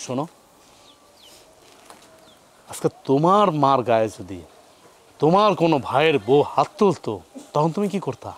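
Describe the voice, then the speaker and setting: With a fairly high, very animated voice, this actor speaks at normal speed and pauses often. He plays an angry young husband scolding his sister-in-law in a colloquial Bangladeshi Bengali accent, indignant throughout, over faint background music.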